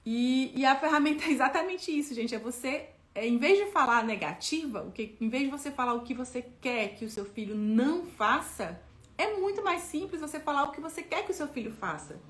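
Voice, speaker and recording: A woman's voice: high-pitched, animated, brisk, a bit bright, roomy sound. A woman explaining parenting tips in a conversational way, often checking in with tag questions. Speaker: parenting educator.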